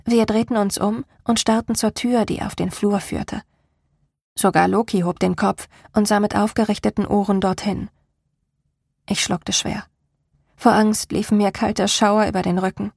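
A woman narrates a first-person story in a hushed, tense manner. Her voice is gravelly and husky. The recording is dry and close. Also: medium pitch, steady tone, normal speed, no room sound. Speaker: audiobook narrator.

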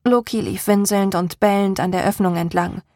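A woman narrating a first-person audiobook in a lively, expressive way, acting out the dialogue with feeling. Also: mid-range voice, normal speed, no room sound, clean studio sound.

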